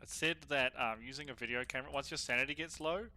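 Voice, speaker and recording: A man doing casual solo gameplay commentary, chatty and slangy as he thinks out loud. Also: mid-range voice, fast talker, slight background noise. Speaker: gaming streamer.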